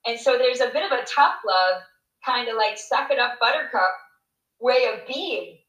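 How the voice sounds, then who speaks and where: A middle-aged woman from Canada, a motivational speaker telling a personal story in conversation, animated and often checking in with "right?". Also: normal speed, roomy sound, low-quality recording. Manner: animated, acts out quoted voices with big pitch jumps, frequent "right?".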